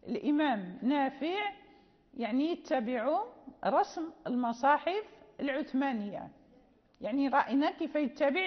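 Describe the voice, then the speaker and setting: Woman with a Moroccan accent, high voice, patient teacher explaining a lesson, dull recording, long echo. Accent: Moroccan Arabic. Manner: patient, explanatory, checks in with students. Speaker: Quran recitation teacher. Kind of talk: classroom lecture. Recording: dull lo-fi sound with long hall reverb.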